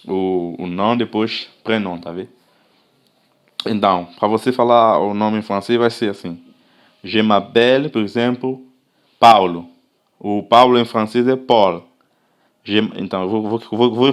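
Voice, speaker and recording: A language teacher from Africa gives a casual lesson in a lowish, steady voice. He patiently repeats himself, stretches example phrases out slowly, and often checks that listeners are following with "tá vendo?".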